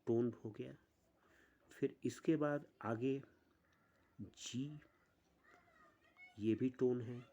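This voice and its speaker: A man teaching an online music lesson, explaining step by step with pauses. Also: medium pitch, mellow, lo-fi sound.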